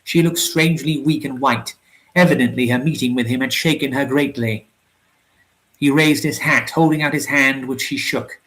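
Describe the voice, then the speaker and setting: A man reading an old short story aloud, steady, with occasional slips and restarts. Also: mid-range voice, normal speed. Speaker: audiobook reader.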